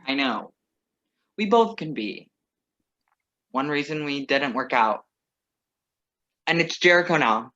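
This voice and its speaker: A man reads the part of a composed ex-lover with a wry streak who bursts into a wedding, during a staged play reading held on a video call. His mid-range voice is animated, pushed, and bright, while his manner stays measured, wry, and earnest, and the call audio is muffled.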